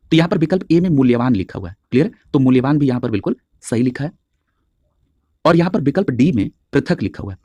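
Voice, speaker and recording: A male teacher giving an exam-prep spelling lesson, spelling words out slowly letter by letter and checking in with "clear?" after nearly every point. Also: fairly high pitch, warm tone, no echo. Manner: drills each answer, checks with a constant "clear?".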